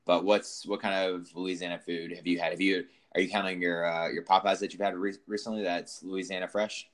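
A man hosts a laid-back sports podcast in a very low voice. He asks loose, meandering questions at an easy pace. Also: level tone, fairly quick. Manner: easygoing, rambling questions. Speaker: podcast host. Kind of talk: casual sports podcast chat.

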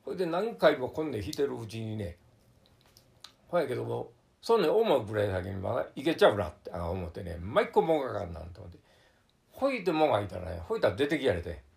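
A man's voice: mid-range voice, big pitch swings, quick pace. An older man with a Kansai Japanese accent telling how he survived a flood, in a vivid, filler-heavy storytelling way. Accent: Kansai Japanese, Wakayama dialect. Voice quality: gravelly. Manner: vivid storytelling with sound words, many fillers. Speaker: flood survivor recounting his experience. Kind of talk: oral history testimony.

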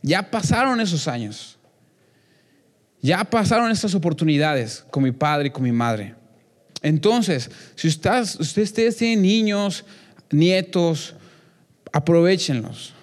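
A man's voice: a little high, expressive, slow pace. A young man preaching a sermon to a congregation, earnest and repetitive, often restarting his phrases. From Mexico. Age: young adult.

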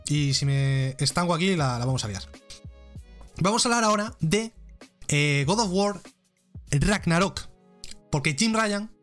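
A man with a Spain Spanish accent hosting a live gaming show, ranting bluntly and swearing freely on a close microphone. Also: a little high. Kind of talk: ranting live-stream commentary. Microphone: close desk microphone.

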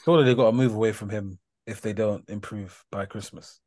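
A young man with a London roadman accent chatting casually about football in slangy, halting phrases full of asides. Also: lowish voice, steady tone, darkish tone, no room sound. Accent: London, urban slang. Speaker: football podcast co-host.

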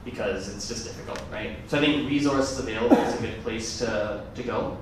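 Medium in pitch and a little fast, the man speaks with slight hiss or hum audible. His talk at a large conference is casual, chatty and rambling, with frequent mid-sentence self-corrections; Gujarati is his first language, and the far-off mic catches the hall's echo.

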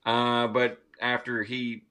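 Man, podcast host, casual film chat, enthusiastic, swears freely, mid-pitched voice. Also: completely flat delivery, takes it slowly, sharp tone. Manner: enthusiastic, profane, retells scenes. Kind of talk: casual movie review chat.

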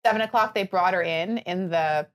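A woman on a podcast telling her birth story in casual chat, animated and full of fillers, her nose stuffed up. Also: fairly low pitch, normal speed.

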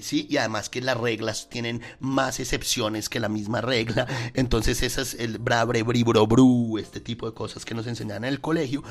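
Colombian man explaining grammar casually. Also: mid-range voice. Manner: animated, explaining with sound effects and repetition. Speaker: podcast host. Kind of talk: casual teaching talk.

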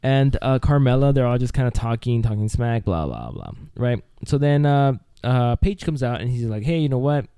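A man with a very dark, mellow voice chats casually as co-host of a wrestling podcast. He rambles loosely and keeps saying "dude". The sound is dry and close, with no room around it. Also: medium pitch, animated, normal speed, hardly any pauses, clear, resonant tone, no room sound.

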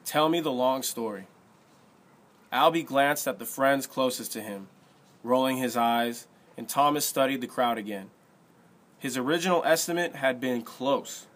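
Male narrator for an audiobook; steady, even storytelling read. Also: mid-range voice, normal speed.

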